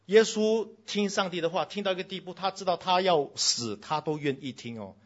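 Husky-voiced preacher with dramatic swings. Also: male voice, high-pitched, a little fast, lo-fi sound. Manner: dramatic, swings between loud exclamations and hushed lines; mixes in English phrases, addresses children directly. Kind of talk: sermon.

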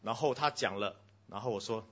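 Here a man delivers a sermon, moving from loud outbursts to near-whispers, sprinkling in English phrases and speaking directly to the children. His pitch is fairly low and his delivery brisk and slightly rough, with the high frequencies cut off.

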